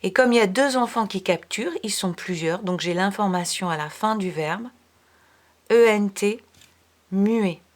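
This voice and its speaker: A woman teacher giving a remote spelling lesson to young children, patient, spelling out letters one by one and dropping into soft asides. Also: mid-range voice, unhurried. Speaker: primary school teacher.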